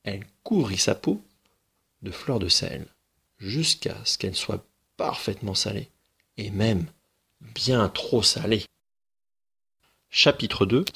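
A man who is a schoolteacher, reading a children's story aloud in a slow, expressive way. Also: fairly low pitch, gravelly, husky.

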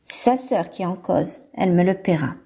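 A woman's voice: on the low side, expressive, moderate pace, gravelly, mellow, breathy edge, exaggerated voice. A woman voicing a greedy, scolding village mother in a read-aloud fairy tale, bossy and exclaiming.

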